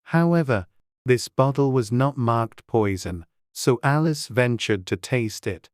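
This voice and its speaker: Slow, smooth-voiced man narrating a storybook. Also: mid-range voice, no echo, clean studio sound. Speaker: audiobook narrator.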